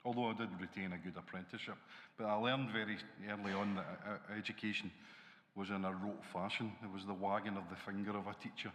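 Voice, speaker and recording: A man's voice: lowish voice, fairly even intonation, fast, a bit bright. A middle-aged man with a Glaswegian accent, speaking as an educator on a conference panel. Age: 40s or 50s. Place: large hall on a conference stage. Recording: reverberant conference hall.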